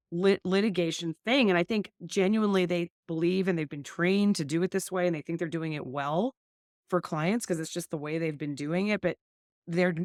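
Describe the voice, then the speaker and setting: A woman's voice: fairly low pitch, dry recording, clean studio sound. A woman hosting a family law podcast, talking earnestly and thinking aloud. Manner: earnest, thinks aloud with many 'like' and 'right'. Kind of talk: casual conversation.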